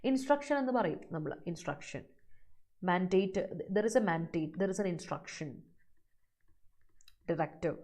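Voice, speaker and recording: A woman teaching English vocabulary in a live online exam-prep class. She explains each word in Malayalam and reads student answers aloud slowly. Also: on the low side, animated, a little mellow.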